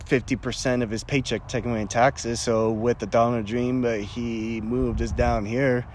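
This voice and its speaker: A man's voice: medium pitch, level tone, normal speed, darkish tone, slight background noise. A young man, a Marine veteran, telling his stories casually in an interview, laughing often and stumbling through fillers and restarts. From Canada. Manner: laughs often, many fillers and restarts, acts out quoted voices.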